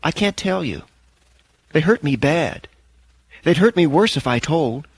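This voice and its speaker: A man voicing a frightened, frail nine-year-old girl who speaks slowly and carefully. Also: on the high side, expressive, breathy edge, no room sound, heavily acted. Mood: fearful. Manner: slow, hushed, careful words.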